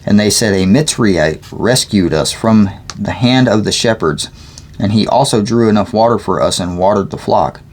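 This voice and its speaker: A man's voice: lowish voice, moderate pace. A sleepy man reading scripture aloud, stumbling over names and adding joking asides. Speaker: Bible reader.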